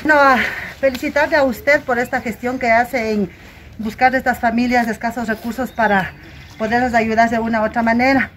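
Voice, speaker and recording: An Ecuadorian woman speaks in a somewhat high voice. She gives a short, informal donor's address outdoors, with slight noise around her. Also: fairly even intonation, a little fast. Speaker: aid donor. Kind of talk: short informal speech to camera. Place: outdoors by a truck.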